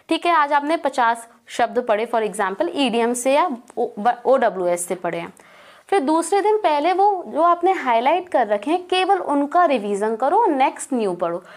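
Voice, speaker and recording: A young woman with a noticeably high voice talks through her exam preparation tips. She sounds relaxed and encouraging. She drops English words into her talk as she goes. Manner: relaxed, reassuring, mixes English words into Hindi. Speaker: exam prep advisor. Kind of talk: casual study-advice talk.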